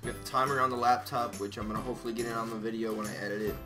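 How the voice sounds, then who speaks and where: A man's voice: mid-range voice, steady tone, very fast, music in the background. A young man hosting a video in a casual, chatty vlog style. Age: teens or young adult. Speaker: video host. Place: small bedroom indoors.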